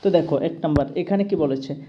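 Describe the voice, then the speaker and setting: Speaking fast in a low voice, this woman with a Tripura Bengali accent takes students patiently through English grammar and keeps asking "ঠিক আছে?" to confirm they understand. The recording's highs are cut off, and the background is noisy.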